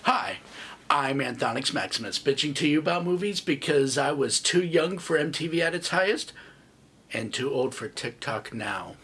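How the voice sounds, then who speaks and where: A man's voice: on the high side, expressive, moderate pace, a bit bright, slight background noise. A man in his thirties giving a comedic movie review with snarky, sarcastic asides. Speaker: film reviewer.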